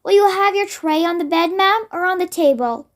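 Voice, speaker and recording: Old female maid, storybook, deferential, nervous, very high-pitched, as a child reads her. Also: moderate pace. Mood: polite. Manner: deferential, says ma'am constantly.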